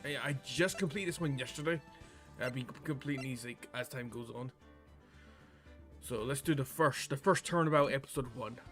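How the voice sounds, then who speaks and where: A male game streamer speaks at normal speed in a mid-range, slightly bright voice as he plays and chats casually with viewers. Soft music plays in the background.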